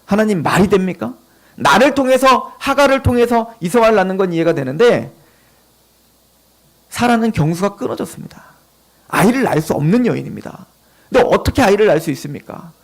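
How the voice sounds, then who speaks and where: A man's voice: high voice, lively intonation, a little fast. A man voicing Abraham as a doubting, pleading old man in a sermon retelling. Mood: doubtful. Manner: pleading, bargaining.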